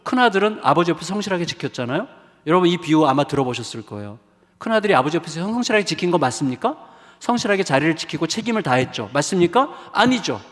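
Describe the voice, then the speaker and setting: Emphatic pastor in a reverberant sanctuary. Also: male voice, on the high side, big pitch swings, fast. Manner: emphatic, swings between raised exclamations and hushed asides, acts out quoted voices. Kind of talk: revival sermon. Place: church sanctuary. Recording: long reverb of a church hall.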